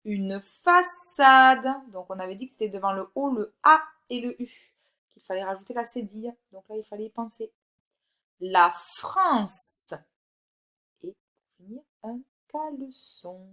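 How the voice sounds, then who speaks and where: A woman teaching a recorded phonics lesson to young children, reading words slowly and clearly and encouraging the child directly. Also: medium pitch, pushed and bright. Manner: slow, clear, drawn-out word by word reading. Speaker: primary school teacher.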